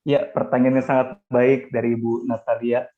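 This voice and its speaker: A man's voice: medium pitch, little pitch movement, moderate pace. A middle-aged man, a church counselor, answering a question in a webinar by telling stories and often speaking straight to his listeners. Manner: storytelling, often addressing listeners directly. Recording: dull lo-fi webinar audio.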